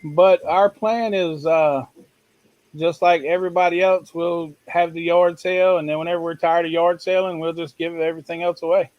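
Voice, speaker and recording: A man's voice: a little high, steady tone, moderate pace, dry recording, dull audio. A man co-hosting a live stream, chatting casually and answering in short, laconic replies. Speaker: co-host.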